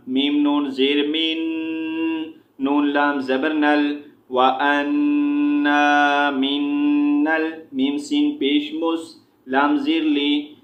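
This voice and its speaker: A man teaching Quran recitation, spelling out each letter and vowel mark before blending the syllables and reciting slowly, with quick spoken asides on where to pause. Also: fairly high pitch, reverberant, dull audio. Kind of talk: slow spelled-out recitation lesson.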